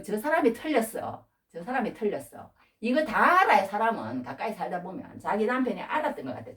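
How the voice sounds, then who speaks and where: A woman's voice: medium pitch, roomy sound, distant mic. A woman preaching a conversational Bible sermon in a folksy way, retelling the scripture and acting out its dialogue.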